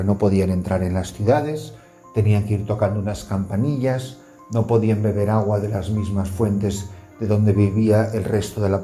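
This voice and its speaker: A man's voice: on the low side, warm tone. A man preaching as a priest, earnest, with rising emphasis on key words and a faint music bed behind. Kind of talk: sermon.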